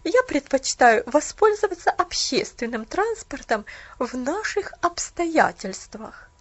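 A woman voicing a stern, bitter middle-aged aunt in mourning, talking sharp and clipped like she's giving orders, read aloud in a storybook. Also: high-pitched, animated, a little fast, lo-fi sound. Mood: scornful.

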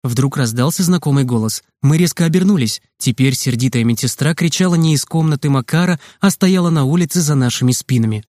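A man reading a children's story aloud in a lively, expressive way. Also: mid-range voice, a little fast, few pauses, no echo, studio quality. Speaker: narrator.

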